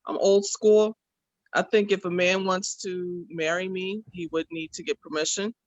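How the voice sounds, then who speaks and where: A woman's voice: fairly low pitch, fairly even intonation, moderate pace, no room sound, rough recording. A woman answers questions in a plain-spoken, matter-of-fact way as a guest. The conversation is casual and the recording is very dry and close. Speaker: first-time guest on a group call. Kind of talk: casual discussion.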